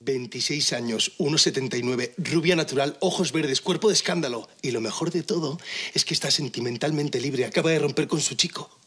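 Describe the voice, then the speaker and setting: A pushy, husky young matchmaker. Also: male voice, mid-range voice, a little fast, fairly bright tone. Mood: eager. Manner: eager, pushy. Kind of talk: sitcom acting.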